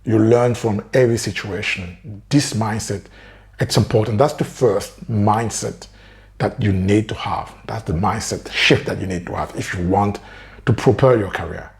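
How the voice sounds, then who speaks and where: Speaking at normal speed in a lowish voice, this French-accented man, French by first language, coaches viewers on careers directly to camera. He's earnest and keeps asking "right?".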